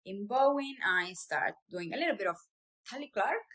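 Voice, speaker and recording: She's an Italian business owner in her 30s vlogging casually in non-native English, chatty yet hesitant, with fillers and restarts throughout this personal video. Her medium-pitched voice is animated and fairly bright, at a normal speed.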